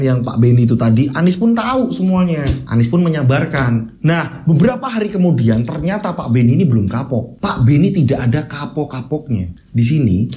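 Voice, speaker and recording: A man's voice: a little high, warm tone. A man narrating a story in a chatty, casual way with asides to the listeners. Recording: faint music behind.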